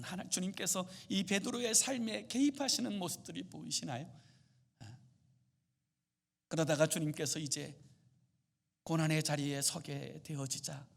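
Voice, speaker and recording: A male pastor delivering a sermon dramatically, swinging from loud exclamations to hushed murmurs. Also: high voice, gravelly.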